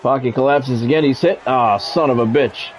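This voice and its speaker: The audio is poor, with a little hiss or hum, as a mid-range male voice moves at a moderate pace. He's giving live play-by-play on a football video game, tossing in blunt, salty remarks in a conversational way, a mix of sports commentary and casual chat.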